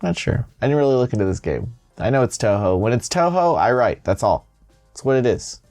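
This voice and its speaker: Over background music, a man hosts a gaming news show, reading scripted headlines and adding casual, playful, self-deprecating asides. His medium-pitched voice is very animated, a little fast and slightly mellow.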